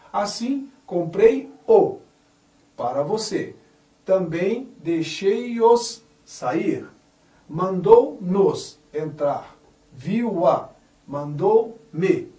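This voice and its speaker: A high-voiced man teaches grammar at a slow, deliberate pace, leaning hard on each corrected word. His voice rises and falls a lot. He sits back from the mic in an echoey room. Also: warm tone, far from the mic. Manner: spells out words carefully, stressing correct forms.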